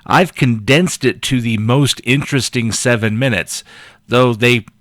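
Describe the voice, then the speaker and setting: A man giving casual explanatory narration in a measured, wry way, as the host of his own recording. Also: medium pitch, a bit bright, no echo, clean studio sound.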